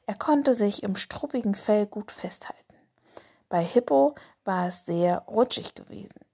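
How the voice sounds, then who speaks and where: A woman reading a children's story aloud, soft and half-whispered. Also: medium pitch, lively intonation, a little slow, slightly rough.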